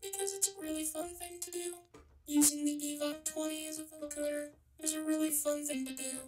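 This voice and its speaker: A man's voice: extremely high pitch, little pitch movement, a little fast, a little mellow, faint music behind, pitched above the performer's own voice. A man's voice run through a vocoder with formant shifting, which gives it a synthetic, robotic sound. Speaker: music production instructor. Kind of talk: demonstration sample, repeated phrase.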